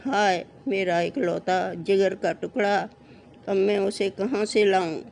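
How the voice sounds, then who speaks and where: A storyteller voicing a harsh, short-tempered mother, speaking louder and a little higher than the narration. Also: slow pace, gravelly, slight background noise. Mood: wailing. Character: harsh, scolding mother, later grieving.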